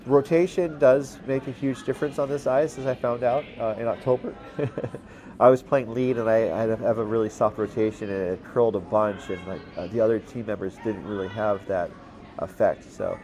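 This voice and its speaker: A man calling a curling game as commentator, relaxed and halting, with lots of fillers and restarts and the odd dry aside. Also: lowish voice. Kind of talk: play-by-play commentary.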